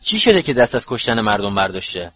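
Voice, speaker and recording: A man's voice: on the low side, very animated, fairly bright tone. A man voicing an earnest, eager teenage boy in a storybook reading, speaking urgently and directly. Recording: dull lo-fi recording.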